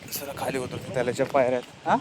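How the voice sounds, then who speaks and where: A man's voice: mid-range voice, flat delivery, racing, background noise. A man giving a plain, explanatory tour of a village lake outdoors, filmed on a handheld phone. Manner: plain explanatory tour-guide talk, pointing things out. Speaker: village vlogger. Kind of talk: casual walk-and-talk vlog.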